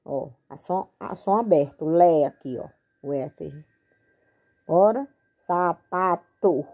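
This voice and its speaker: A woman's voice: low-pitched, measured pace, creaky, warm tone, breathy edge. A Brazilian woman teaching a patient spelling lesson at a board, spelling out and stretching words. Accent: Brazilian Portuguese. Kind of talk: slow spoken-out lesson at a board.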